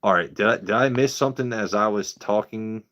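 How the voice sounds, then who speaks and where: With a lo-fi sound, a whiskey channel host in his 30s runs a casual livestream. His lowish, fairly bright voice moves fairly quickly as he speaks bluntly, full of swearing and rambling tangents.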